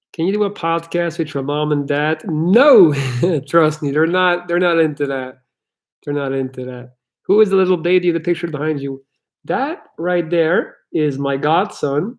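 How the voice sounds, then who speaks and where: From his parents' house, a man from Belgium whose English accent sounds American runs a casual live Q&A, responding to chat with blunt candor and plenty of swearing. He has a higher-sitting voice with a darkish tone.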